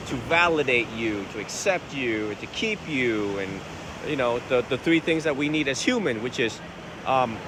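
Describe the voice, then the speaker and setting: A Buddhist monk from Vietnam talks through viewers' questions in a loose, conversational manner, often posing rhetorical questions. His voice sits a little high for a man. He records outdoors on a phone by the ocean, with plain wind and waves in the background. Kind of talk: casual outdoor Q&A talk.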